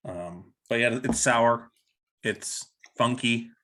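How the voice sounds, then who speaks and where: A man's voice: mid-range voice, slow pace, pushed and bright. A man co-hosting a casual podcast, explaining things at length with plenty of fillers and restarts. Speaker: podcast co-host. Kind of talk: casual chat.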